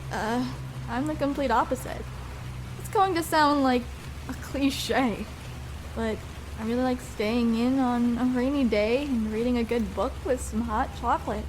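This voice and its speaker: A young woman with a very high, slow voice plays a shy, vulnerable first-time escort in an intimate ASMR roleplay, lightly acted. She is tender, soft-hearted, and hesitant, halting as she feels her way through each phrase, with rain clearly audible in the background.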